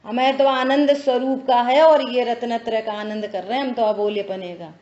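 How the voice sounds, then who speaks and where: High-voiced woman giving a spiritual discourse. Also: fairly even intonation, normal speed, darkish tone. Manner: explains patiently, repeats phrases, asks if listeners follow. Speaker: spiritual teacher. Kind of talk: religious discourse. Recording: echoey dull lo-fi room.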